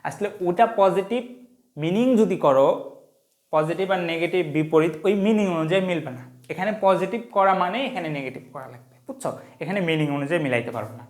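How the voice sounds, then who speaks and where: A Bangladeshi woman teaching an online English grammar lesson, her voice sitting a little low. She mixes English terms into her Bengali. She keeps pausing to ask whether the students follow and reads example sentences out slowly, one word at a time. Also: a little mellow. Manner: explains step by step, asking students quick check questions.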